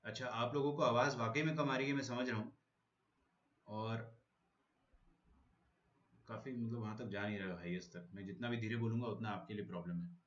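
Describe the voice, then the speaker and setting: A male maths teacher giving a live online lecture, explaining slowly and checking whether students have understood. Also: on the low side, fairly even intonation, a bit bright. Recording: echoey room, dull lo-fi audio.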